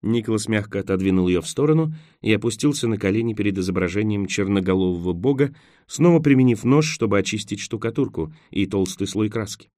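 A man narrating an adventure novel as an audiobook, steady and measured. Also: on the low side, no room sound, clean studio sound. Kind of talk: scripted narration.

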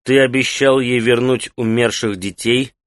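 A man voicing an old male mage who interrogates a captive in a measured, quietly commanding way. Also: mid-range voice, steady tone, no room sound, natural voice. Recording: dry close studio sound.

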